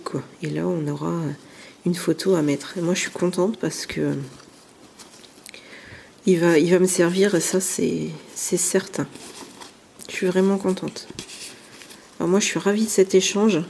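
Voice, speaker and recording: A soft-spoken woman chatting through her craft supplies. She talks slowly with a dark, mellow tone. Her sentences stall on fillers and restarts, and some words fade to near whispers. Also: lowish voice, vocal fry, slight background noise. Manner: hesitant, many fillers and restarts. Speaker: scrapbooking YouTuber. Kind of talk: casual show-and-tell.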